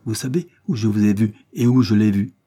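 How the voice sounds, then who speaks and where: A man reading an audiobook, voicing a good-humoured, mocking man who speaks calmly and teasingly. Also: fairly low pitch, a little fast, lightly acted. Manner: calm, laughing, teasing.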